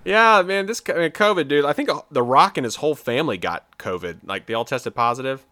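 A man chats on a podcast in a lively, opinionated, joking manner. His voice is bright and forceful. The sound is dry and close, with no room behind it. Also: fairly high pitch, fairly quick, no room sound. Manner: animated, opinionated, playful. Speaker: podcast co-host. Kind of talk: casual chat. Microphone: remote video call.

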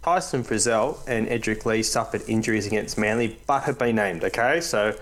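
A man's voice: fairly low pitch, normal speed, fairly bright tone. A man hosting a casual, matey and slangy fantasy rugby league chat. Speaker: podcast host.

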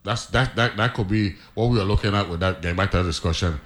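A man's voice: deep voice, fast talker. A man with a Crucian accent hosting a casual radio talk show, chatty and playful, often repeating his words. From St. Croix, US Virgin Islands.

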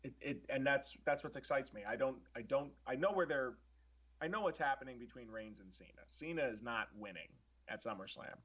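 A man's voice: medium pitch, expressive, brisk, fairly bright tone, slightly rough. Man thinking aloud on a dull-sounding mic. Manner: thinks aloud with many restarts, earnest and analytical. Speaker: podcast co-host. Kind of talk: casual wrestling review chat.

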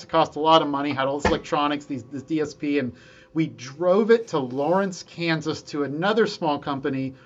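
Animated storytelling man, slightly high voice. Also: highs cut off. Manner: animated storyteller, quick to quote himself and others. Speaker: guest engineer. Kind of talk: casual conversation.

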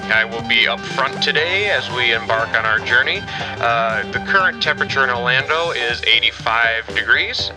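A man putting on an airline pilot giving in-flight announcements, unhurried and official. The words come slow and even, with plucked guitar playing underneath. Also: medium pitch, close to an everyday voice, low-quality recording. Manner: calm, measured announcer delivery. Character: male airline pilot making cabin announcements. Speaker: podcast host.

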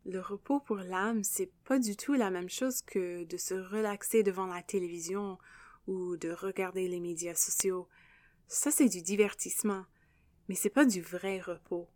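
A young Canadian woman with an English-speaking accent, French not her first language, hosting a gentle, earnest devotional podcast. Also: mid-range voice, unhurried, no room sound.

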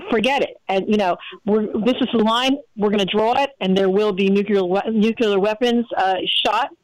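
A woman's voice: medium pitch, fairly even intonation, moderate pace, no echo, low-quality recording. A middle-aged woman hosting a radio talk show, speaking bluntly in a rambling way with lots of fillers. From United States. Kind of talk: casual opinion chat.

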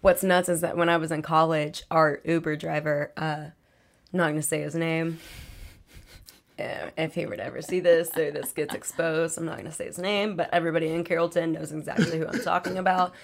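A woman with a raspy voice hosting a podcast, chatting casually and asking her guest questions. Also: sits low, steady tone, brisk. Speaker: podcast host.

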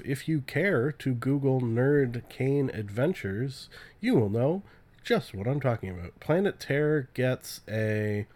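A man's voice: mid-range voice, a little mellow. Man, sick voice, podcast host, rambling, self-deprecating, casual solo talk. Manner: rambling, self-mocking, many filler "uh"s. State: sick, voice deepened by illness.

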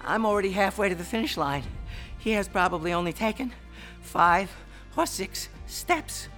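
Man doing a bragging storybook hare, high, loud, and quick. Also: lively intonation, soft background music, exaggerated voice. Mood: boastful. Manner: mocking, fast and bragging. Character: boastful teasing male hare, quick and cocky.

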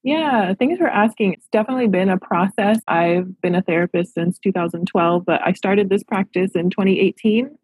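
A woman's voice: medium pitch, normal speed, few pauses, a little mellow, slightly rough, no echo, low-quality recording. A woman in her thirties from Los Angeles, a therapist answering interview questions in a reflective, earnest way. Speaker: therapist and practice owner.

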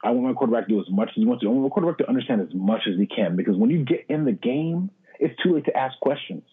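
A man's voice: on the low side, husky. A man co-hosting a sports podcast, making emphatic, preachy points in casual talk. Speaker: podcast co-host. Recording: tinny phone-like line.

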